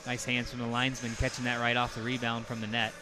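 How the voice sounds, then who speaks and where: A man's voice: mid-range voice, monotone, over music. Man calling hockey play-by-play. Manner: rapid calls that surge loud on goals. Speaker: play-by-play announcer.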